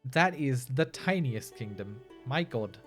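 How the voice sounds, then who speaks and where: A man's voice: mid-range voice, expressive, takes it slowly, fairly bright tone, faint music behind. A man casually commenting as he plays a strategy game, chatty and wry, answering his chat as he goes. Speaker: streamer playing a strategy game.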